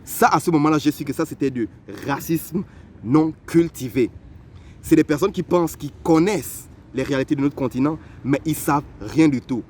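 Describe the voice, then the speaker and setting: A young man from Africa telling personal stories to the listener in a lively, conversational way. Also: on the high side, moderate pace, a little hiss or hum. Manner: animated, conversational, addresses the listener directly. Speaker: vlogger. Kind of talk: personal storytelling.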